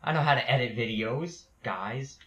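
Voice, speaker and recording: A man's voice: medium pitch, normal speed, a bit bright. A young man vlogging casually from home, rambling and swearing with lots of restarts. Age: young adult. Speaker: gaming YouTuber. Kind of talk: casual vlog talk. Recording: echoey, dull lo-fi home recording.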